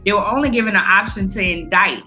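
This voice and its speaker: With a bright, forceful, medium-pitched voice and a quick pace, the outspoken American co-host chats casually about the news with her friends on the podcast. Soft background music accompanies her.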